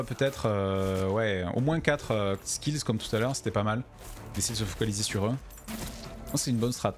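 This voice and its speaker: A tired man streaming a game from home, chatting with his viewers and tripping over his words. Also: fairly low pitch. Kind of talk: casual gameplay commentary.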